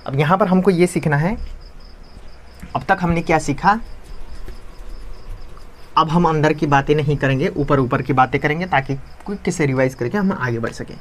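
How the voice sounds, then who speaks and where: A man with a fairly high voice, teaching in a loose, chatty classroom style. He keeps asking questions and answering them himself, repeating each key term so it sticks. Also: moderate pace, long pauses, slight background noise. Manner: conversational, asks and answers his own questions, repeats key terms.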